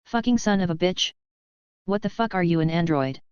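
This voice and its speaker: A woman voices a brutal young policeman with a sneering, aggressive edge. The tone is smooth and fairly low, recorded dry and slightly dull. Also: moderate pace, no echo, close to an everyday voice. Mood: cold.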